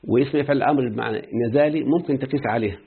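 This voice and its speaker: Husky Egyptian teacher on lo-fi audio. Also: male voice, medium pitch, very fast. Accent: Egyptian Arabic. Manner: quizzes students often with rhetorical questions. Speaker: Arabic grammar teacher. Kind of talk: classroom grammar lesson. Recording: muffled phone-like lo-fi audio.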